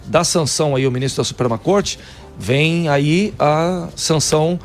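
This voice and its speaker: Speaking a little slowly and on the high side, a Brazilian man from São Paulo appears as a radio talk show guest. He is a city council member in Texas, and with soft music in the background he lists facts and explains at length, filling pauses often.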